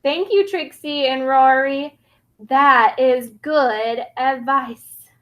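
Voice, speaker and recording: Drawing out her words in a high pitch, a woman plays a little young T. rex for a children's story read-aloud. She keeps the sentences short and careful, childlike and determined in earnest, and the audio sounds dull.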